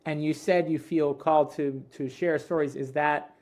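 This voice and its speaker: A man hosts an interview podcast, with a voice that sits a little high for a man. He mostly listens, offering short affirming reactions, and then asks gentle, open questions. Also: fairly even intonation, normal speed. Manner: supportive, with short affirming responses. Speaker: podcast host.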